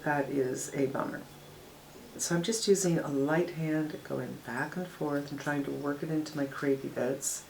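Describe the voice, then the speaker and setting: Frank older woman, low voice. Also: fairly even intonation, measured pace, gravelly, a little mellow, a little hiss or hum, poor audio. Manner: frank, matter-of-fact product critique. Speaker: beauty vlogger. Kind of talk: casual makeup tutorial narration.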